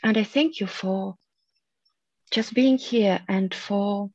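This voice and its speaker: A woman in her thirties leads a spiritual teaching on a headset mic, her tone soft and earnest. She lingers on words with long pauses. Her voice sits mid-range, and the dry, slightly dull video call audio keeps the room out of it. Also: medium pitch, no room sound. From Russia. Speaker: meditation group leader. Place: room at home, indoors.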